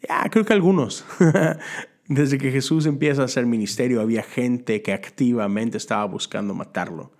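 A man's voice: mid-range voice, normal speed, a little mellow. A man gives a conversational sermon as a Methodist preacher, asking rhetorical questions and adding casual asides.

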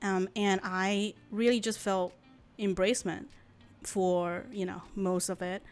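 With little pitch movement, this late-twenties woman from China, whose native language is Chinese, gives smooth, mid-range replies as a guest in a relaxed interview. She considers each question carefully, her answers dotted with pauses and filler words.

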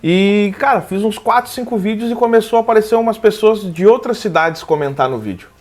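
A man, chatting casually as a guest. His voice sits a little high. He tells long stories with animation and plays out other people's lines as he goes. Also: brisk. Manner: animated, acts out quoted dialogue. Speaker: guest, comedy video creator. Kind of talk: casual storytelling chat.

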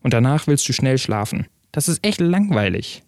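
A man's voice: medium pitch, big pitch swings, moderate pace, a little mellow, no echo, clean studio sound, close to an everyday voice. A man voicing an upset, stubborn young boy in a story reading, his voice rising and pleading.

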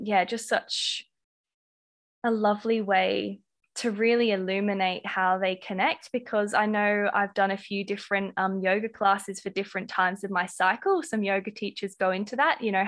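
A woman's voice: medium pitch, fairly even intonation, normal speed, fairly bright tone. A woman with an Australian accent hosting a podcast interview, effusive and full of ums. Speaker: podcast host.

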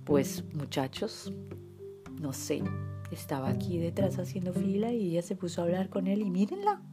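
A woman from Colombia, telling a story softly and sometimes dropping to a whisper, over guitar music. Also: lowish voice, animated, moderate pace. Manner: soft, intimate, drops to whispers. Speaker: narrator. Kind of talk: storytelling narration. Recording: guitar music playing behind.

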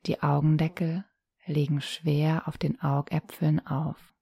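Calm instructions and long pauses mark this yoga nidra guide's relaxation session. Her low, level voice is soft, breathy and soothing, barely changing in pitch, and the sound is very dry and close with no echo.

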